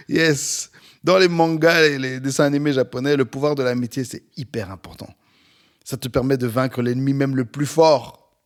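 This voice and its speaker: A pastor in his forties hosting a podcast from home, talking with energy and warmth about friendship. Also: mid-range voice. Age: 40s. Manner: energetic, upbeat, animated. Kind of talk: podcast sermon. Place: at home near an airport, planes passing.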